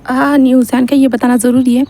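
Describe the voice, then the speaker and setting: A woman's voice: high voice, little pitch movement, fairly quick, mellow. A woman doing a whiny young male student. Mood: complaining. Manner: whiny, complaining.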